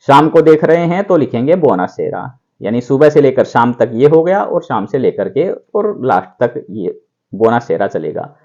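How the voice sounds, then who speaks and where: A man teaching a beginner language lesson, repeating words slowly and drawn out for listeners to practice along. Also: mid-range voice, a little mellow, lo-fi sound. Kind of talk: instructional video lesson.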